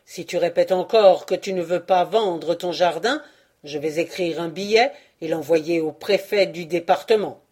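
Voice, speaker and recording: A woman reading aloud and voicing an arrogant, drunken young lord who speaks in a loud, insulting, domineering way. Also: on the low side, normal speed, breathy edge. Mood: scornful.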